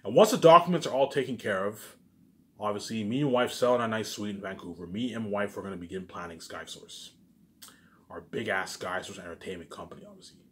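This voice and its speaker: A man with a lowish, fairly bright voice talks briskly in a casual, rambling monologue. He boasts and aggrandizes himself, restating phrases over and over, with emphatic bursts that trail off into muttered catchphrase tags.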